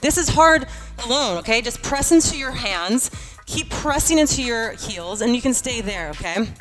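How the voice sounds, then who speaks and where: A woman's voice: a little high, animated, moderate pace, over music, rough recording. A woman coaching a workout like an aerobics instructor, cueing moves and counting in a casual, encouraging, urging way. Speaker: fitness instructor leading a home workout class.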